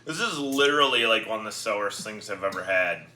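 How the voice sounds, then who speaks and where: A man's voice: fairly low pitch, animated, fairly quick, bright, forceful tone. A man hosting a casual taste test, groaning and exclaiming with a sour-face pucker as he talks. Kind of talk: casual chat, reacting while tasting. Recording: echoey room with faint background noise.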